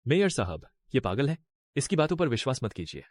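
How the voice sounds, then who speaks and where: A young man voicing a polite, smooth-talking village graduate who hides his deceit. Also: mid-range voice, very animated, a little fast, darkish tone, no echo, natural voice. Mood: urgent. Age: young adult. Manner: eager, deferential, smooth-talking. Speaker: dubbing actor. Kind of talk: Hindi drama dub.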